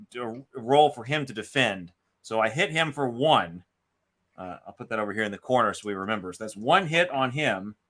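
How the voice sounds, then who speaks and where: With a mid-range, sharp-toned voice, a man hosts a solo board game session. He thinks aloud casually, narrating his moves and dice counts in a live play-by-play.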